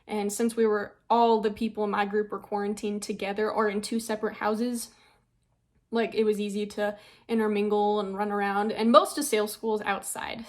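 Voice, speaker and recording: A young woman vlogging in a casual, rambling way, with frequent ums and little laughs, a bit out of breath. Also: mid-range voice. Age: young adult. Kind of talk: casual chat.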